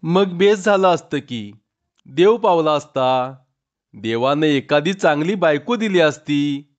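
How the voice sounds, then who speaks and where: A woman's voice: low voice, expressive, slow, muffled recording. A man voicing a playful young village wife who teases her husband. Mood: teasing.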